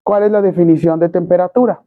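A teacher with a Mexican accent lectures a class and keeps throwing questions at the students. The pitch sits in a middle range. The recording is thin and tinny, like a phone line. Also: fairly even intonation, fast talker. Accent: Mexican Spanish. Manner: quizzes students with constant rhetorical questions.

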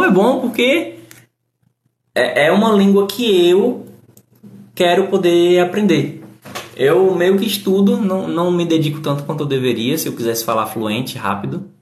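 A man with a slightly high voice, sounding reverberant, gives a casual English lesson on a live stream. He answers chat comments and patiently explains grammar.

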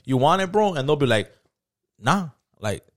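Profane, slangy podcast host. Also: male voice, on the high side, fast talker, background noise. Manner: profane, slangy, animated storytelling. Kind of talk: casual chat.

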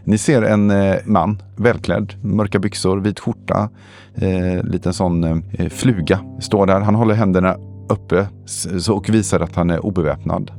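A man narrating a tabletop role-playing game as game master, describing scenes slowly with pauses and fillers. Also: low-pitched, steady tone, vocal fry, a little mellow, soft background music.

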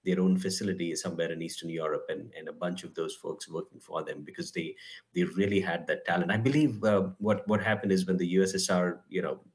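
A man with an Indian accent and a very deep voice talks in an easygoing conversation. He stops often on ums and uhs as he works toward his point. His low pitch stays steady under the pauses. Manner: hesitant, many ums and uhs. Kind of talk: casual conversation.

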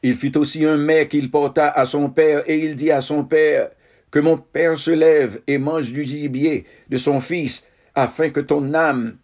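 A man reading scripture aloud in a measured, solemn way, in short phrases. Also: a little high, darkish tone. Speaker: Bible reader.

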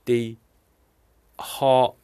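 A British man leaving a casual voice message, effusive and halting as he repeats his words. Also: medium pitch, flat delivery, mellow, clean tone, no room sound, studio quality. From United Kingdom. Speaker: podcast listener leaving a voice message.

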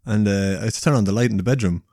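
A man's voice: on the low side, rapid-fire, warm tone, no room sound, studio quality. A man co-hosting a podcast, easygoing and agreeable in casual chat, telling rambling anecdotes. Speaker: podcast co-host.

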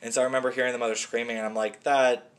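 A man's voice: mid-range voice, little pitch movement, rapid-fire, fairly bright tone. A man co-hosting a podcast, chatting casually with a friend in a laid-back way and chuckling often. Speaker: podcast co-host. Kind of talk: casual chat between friends.

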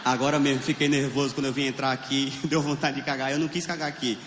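A man with a Brazilian Portuguese accent doing a crude stand-up set on a theater stage, animated and laughing at his own jokes. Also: medium pitch, fast talker. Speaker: stand-up comedian. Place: theater stage with live audience. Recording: echoey hall with room noise.

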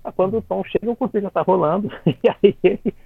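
Speaking quickly in a high, gravelly voice, a man with a Brazilian Portuguese accent calls in on a dry, tinny phone line without echo. He chats on the radio about classical music in cartoons as a conductor, laughing mid-explanation, restarting often and adding tag questions.

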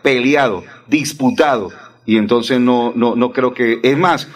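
A man's voice: medium pitch, measured pace. A man hosting a sports radio show, talking bluntly and combatively in a heated debate.

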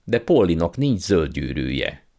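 A man's voice: low voice, very animated, dark tone. A man voicing an earnest young boy who protests against his uncle. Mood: indignant.

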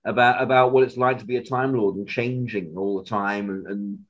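Animated, rambling male podcast host. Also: fairly low pitch, fairly quick, highs cut off. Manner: rambling, animated, stammers on restarts. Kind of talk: casual fan chat.

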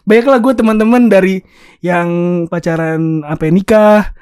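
A man's voice: high voice, normal speed, a little mellow, clear, resonant tone, dry recording, clean studio sound. A young man with a Jakarta accent chatting casually on a podcast in Jakarta slang, swearing offhandedly. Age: young adult.

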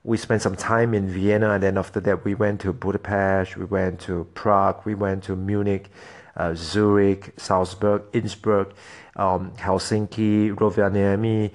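A man's voice: lowish voice, little pitch movement, measured pace. A man from Singapore, hosting a solo podcast and talking to his listeners in an earnest, motivational way. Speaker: podcast host.

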